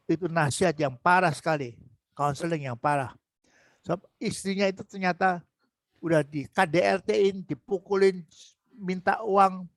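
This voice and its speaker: An older man in his seventies leads an online Bible lesson over a video call, calling on students by name and asking rhetorical questions. His voice sits high with a gravelly grain. The sound is close and dry. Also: no echo. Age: 70s. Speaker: Bible teacher. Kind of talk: online Bible class teaching.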